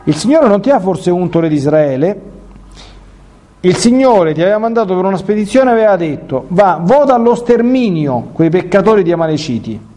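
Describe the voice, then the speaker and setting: A stern elderly prophet, read by a man delivers a grave rebuke. The voice is fairly high yet mellow and soft-edged. It is a plain reading with little acting. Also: lively intonation, fairly quick.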